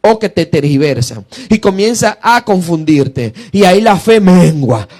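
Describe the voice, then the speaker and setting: A man with a high voice preaches a teaching sermon. He explains slowly and carefully, then speeds up and climbs in pitch to drive a point home. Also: sing-song, darkish tone. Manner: swings from slow explanation to fast, rising bursts.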